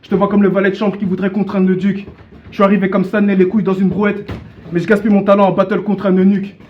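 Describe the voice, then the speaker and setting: A man's voice: high-pitched, flat delivery, fast, muffled recording. A man delivering declamatory, mocking a cappella battle rap. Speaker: battle rapper. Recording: clearly noisy live recording.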